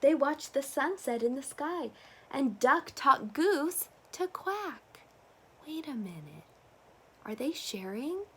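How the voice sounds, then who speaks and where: A woman reading a picture book aloud to toddlers, animated and coaxing, with simple questions and playful sounds. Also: high voice, takes it slowly. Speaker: storyteller reading a picture book to young children.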